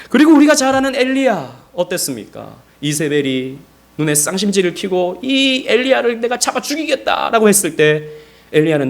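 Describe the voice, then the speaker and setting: A male pastor preaching a Sunday sermon, telling stories with animation and speaking directly to his congregation. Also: fairly high pitch. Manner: animated storytelling, acting out quoted speech.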